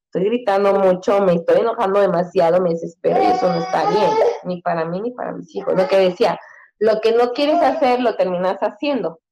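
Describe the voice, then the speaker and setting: A woman's voice: medium pitch, brisk, lo-fi sound, very noisy. Chatty woman in her thirties. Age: 30s. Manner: chatty, many fillers, acts out quotes in a raised voice. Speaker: guest. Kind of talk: casual conversation.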